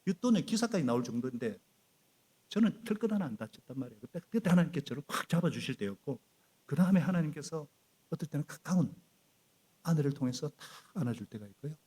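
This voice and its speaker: A middle-aged male pastor preaching a sermon in a church, animated and prompting the congregation to repeat after him. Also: a little high, fast, breathy edge. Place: church sanctuary.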